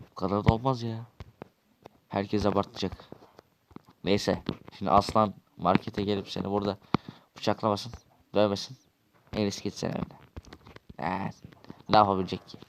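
A man's voice: on the low side, steady tone, normal speed, vocal fry, pauses often, slight background noise. A man acting out a quarrelsome, swearing Minecraft role-play dialogue.

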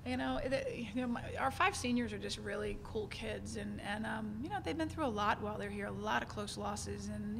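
A woman in her forties speaks as a basketball coach at a postgame press conference, her voice somewhat gravelly and her pitch flat. She talks earnestly and candidly, with frequent fillers and restarts. The recording carries the steady noise of a press room. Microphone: table mic in front of her. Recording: noisy press room ambience.

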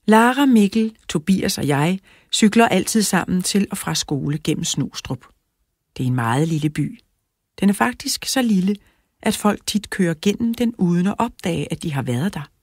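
A woman narrating a children's audiobook in a clear, even storytelling manner, close to the mic. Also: on the low side, dry recording. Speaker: audiobook reader.

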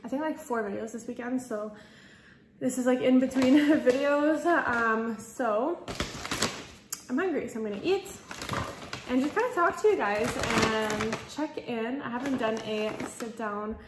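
Casting: chatty young female vlogger, slightly high voice, echoey room with some noise, eating on camera. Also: unhurried. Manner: chatty and bubbly, laughs between phrases. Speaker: vlogger host. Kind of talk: casual chat mukbang vlog.

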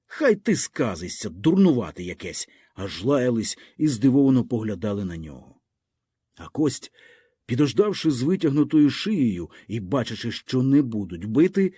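Animated, husky male storyteller. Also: mid-range voice, dry recording, studio quality. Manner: expressive storytelling with vivid dynamic reading. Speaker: audiobook narrator. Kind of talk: scripted literary narration.

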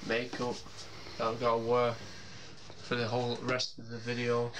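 Man, lively casual banter, very noisy echoey recording. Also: mid-range voice, moderate pace. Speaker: challenge participant. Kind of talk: casual banter during a challenge video. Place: small indoor room at home.

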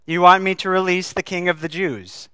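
Bright, crisp-voiced man preaching. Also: sits high, fairly even intonation, moderate pace, no room sound. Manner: earnest, asks the congregation questions. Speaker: pastor. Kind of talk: sermon with scripture reading.

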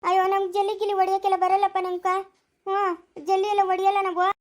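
A woman with a Chikkaballapura Kannada accent playing a stubborn female prisoner who loudly protests doing chores. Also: very high voice, monotone, very fast. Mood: complaining. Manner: loud, whiny protesting. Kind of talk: amateur family drama.

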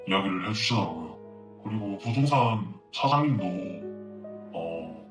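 A man giving a halting, casual account of what he was told, with frequent fillers. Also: fairly low pitch, echoey room. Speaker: interviewee recounting events.

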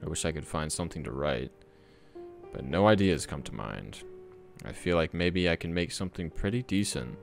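A man reading aloud the inner thoughts of a teenage girl with hidden sadness, in a plain, low, flat way, over background music. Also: normal speed, vocal fry, exaggerated voice. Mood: sad inner monologue. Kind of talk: reading game dialogue aloud.

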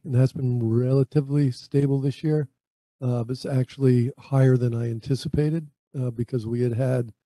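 A man's voice: medium pitch, warm tone, dry recording, rough recording. A man, a school principal, reporting enrollment in a chatty way with many fillers.

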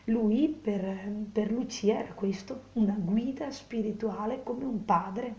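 Gravelly woman retelling a classic novel. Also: medium pitch, slow pace, a little mellow, lo-fi sound, slight background noise. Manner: explanatory, conversational asides. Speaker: reader and explainer of a novel. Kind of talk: storytelling with commentary.

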